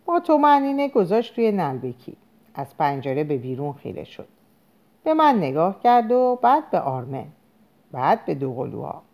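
Expressive woman reading a novel. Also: fairly low pitch. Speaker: audiobook narrator. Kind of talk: scripted narration.

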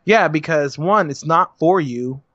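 A man's voice: fairly high pitch, unhurried, a bit bright, no room sound. A man in casual podcast chat, blunt and heated, swearing freely. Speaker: podcast co-host. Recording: dry, dull lo-fi sound.

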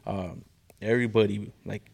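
Speaking at a moderate pace in a steady, low-ish voice that's creaky and slightly mellow, this podcast guest, a young man in mental health work, keeps the casual talk slangy and profane, peppering it with "dude" and "bro."

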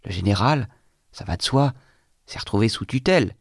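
A man reading a classic novel aloud with measured, expressive narration. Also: fairly low pitch, husky, no room sound, studio quality. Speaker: reader.

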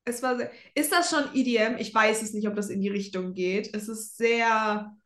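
A woman's voice: a little high, normal speed, fairly bright tone. A young adult woman co-hosting a podcast in casual fan chat, sprinkling English words into her German. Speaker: podcast co-host. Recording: roomy, echoey sound.

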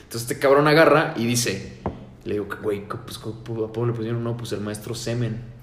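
A man's voice: medium pitch, fairly even intonation, brisk. A young Mexican man co-hosting a podcast, telling stories in a slangy, swearing, casual way. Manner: slangy storytelling, swears a lot. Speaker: podcast co-host. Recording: echoey room, faint background noise.

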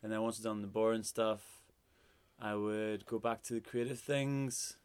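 A man, a musician, chatting casually in an interview, relaxed and hesitant with many fillers. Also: lowish voice, moderate pace, clean tone. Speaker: musician guest.

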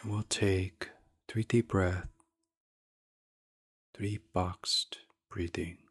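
Extremely unhurried and sitting low in pitch, a meditation podcast host murmurs softly and breathily, barely above a whisper, to lull his audience to sleep. His ASMR-like delivery never rises or falls and is punctuated by long gentle pauses.

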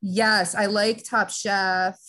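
A woman's voice: medium pitch, little pitch movement, takes it slowly, bright, forceful tone, a little hiss or hum. A young woman from the Northeastern US, chatting and giggling as a podcast guest, saying "like" often. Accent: Northeastern American. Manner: giggly, talkative, uses "like" a lot. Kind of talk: casual interview chat.

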